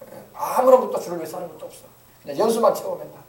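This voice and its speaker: A high-pitched middle-aged male pastor delivers a sermon in a folksy, joking manner, slipping into impressions of grumbling elders. He sounds a little distant from the microphone. The church room around him rings with echo. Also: expressive, very fast. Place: church sanctuary.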